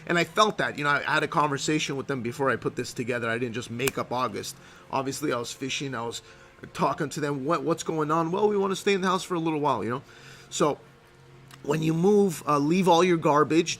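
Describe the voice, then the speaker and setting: A man's voice: a little high, a bit bright, a little hiss or hum. A man, a real estate investor, talking casually to camera in a brash, profane way and often checking in with "okay?". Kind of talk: casual vlog talk to camera.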